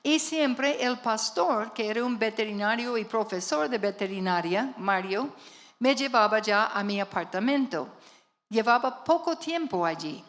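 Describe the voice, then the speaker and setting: A woman pastor with a fairly high voice, preaching a storytelling sermon. She tells her story in a lively way and presses her points hard with emphatic calls to the congregation. She speaks before a church congregation. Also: a little slow.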